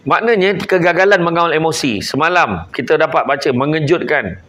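A man's voice: a little high, lively intonation, brisk, fairly bright tone, a little hiss or hum. A male preacher with a Malaysian Malay accent gives a humorous religious talk and teases his live audience. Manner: joking and teasing with the crowd, switching between I and aku.

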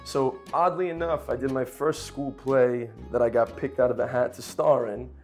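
A man in his thirties, born in Poland and raised in Brooklyn, chats as a guest actor in a casual interview, lively and joking with many restarts. His medium-pitched voice moves at normal speed. He's recorded on a lapel mic in a home kitchen with soft background music.

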